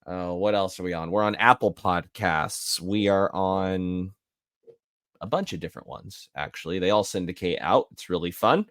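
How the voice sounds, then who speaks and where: A man co-hosting a casual podcast, talking in a relaxed, rambling way and laughing easily. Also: low-pitched, normal speed, no room sound, studio quality. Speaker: podcast co-host, real estate agent.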